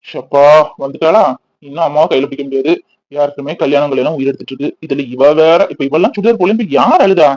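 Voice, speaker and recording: A man's voice: fairly high pitch, fast talker, darkish tone, highs cut off, lightly acted. A man voicing an irritable young son in his twenties who grumbles and mocks, in a cartoon. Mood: sarcastic. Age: 20s. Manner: sarcastic, grumbling, impatient. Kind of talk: cartoon voice acting.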